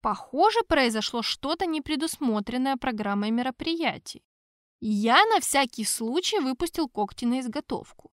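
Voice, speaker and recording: A woman's voice: high-pitched, lively intonation, normal speed, a bit bright, no room sound. Wry first-person audiobook reader, woman, raised voice, dead-dry booth. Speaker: audiobook narrator.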